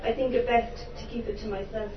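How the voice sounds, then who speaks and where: Brisk and fairly even in intonation, this Irish poet's voice sits on the high side as she performs spoken word to a live audience, a crowd audible behind her. She is impassioned and theatrical, with wry humorous asides. The live recording is roomy, distant and dull, with background noise.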